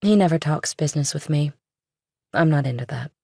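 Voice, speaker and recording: In an audiobook, a woman voices a young, worldly girlfriend of a rich older man: guarded, pointed, and breezy, speaking casually and directly. Her low, expressive voice is a little fast, mellow, with vocal fry and an exaggerated delivery. The studio sound is clean, with no room sound.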